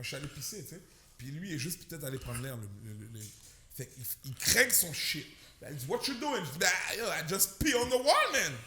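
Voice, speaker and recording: A man with a Québécois accent, a guest comedian telling an animated, slangy story on a podcast. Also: a little high, noisy background. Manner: slangy, punchy, mixes English words in.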